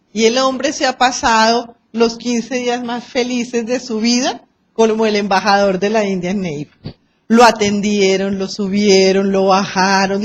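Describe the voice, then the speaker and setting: Her voice on the high side, a Colombian lecturer teaches arbitration with real energy, dramatizing quoted conversations and stories for her students.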